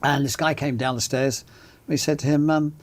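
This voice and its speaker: A man's voice: medium pitch, fairly even intonation, normal speed. Genial older Englishman telling stories. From England. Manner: genial storyteller, dry humor. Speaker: guest, magazine founder and journalist. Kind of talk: casual interview chat. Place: studio.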